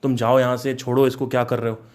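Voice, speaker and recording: A kindly old uncle pleads gently for calm, as a man quotes him in a story. The voice drops lower and softer than the storyteller's own. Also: fast, natural voice. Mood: concerned.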